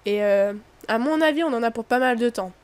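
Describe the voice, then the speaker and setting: A woman's voice: fairly high pitch, clear, resonant tone. A young woman hosting a let's play, reading a visual novel aloud and chatting expressively into a desk mic. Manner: expressive, chatty, quick exclamations.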